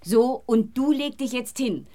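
An actress playing a strict, scolding hospital nurse in a children's audio drama. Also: female voice, fairly high pitch, animated, mellow. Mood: bossy. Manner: brisk and scolding.

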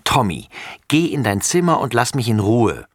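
A man's voice: mid-range voice, very animated, a little slow, a bit bright, husky, no echo, studio quality, voice pushed up, exaggerated voice. A man voicing a bossy, impatient big sister. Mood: annoyed. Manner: impatient, scolding. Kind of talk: storybook reading.

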